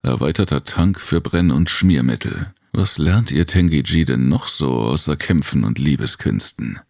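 A man's voice: rumbling low, normal speed, vocal fry, darkish tone, no room sound, clean studio sound, heavily acted. A man voicing a cynical, mocking male crewmate in an audiobook, full of sarcastic remarks. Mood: muttering. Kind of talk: audiobook character voice.

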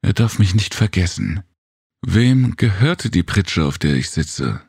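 A man with a very deep, gravelly voice voicing a playful young female warrior in a storybook reading, speaking in a lilting, coy way. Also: expressive, measured pace, a little mellow, dry recording, studio quality, heavily acted. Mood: coy, teasing. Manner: lilting, coy, sing-song.

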